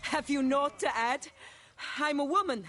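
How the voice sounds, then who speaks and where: A woman's voice: sits high, unhurried, fairly bright tone. A woman voicing a proud female knight who speaks in a formal, archaic, challenging way.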